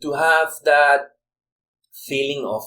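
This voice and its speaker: A man's voice: a little high, steady tone, slow, bright, forceful tone. A man in his forties from Mexico with a Mexican Spanish accent, a guest DJ speaking English in a rambling way and repeating words as he searches for them. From Guadalajara, Mexico. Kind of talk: casual chat.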